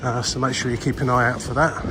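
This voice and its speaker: A man's voice: medium pitch, level tone, quick pace. Chatty man, music behind him. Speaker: travel vlogger. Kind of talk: casual travel vlog commentary.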